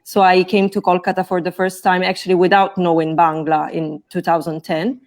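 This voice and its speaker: A scholar from Naples, Italy, speaks with an Italian accent in a lowish, level, slightly mellow voice at normal speed. As a guest on a video call, she carefully explains her academic path in an interview, restarting sentences to rephrase.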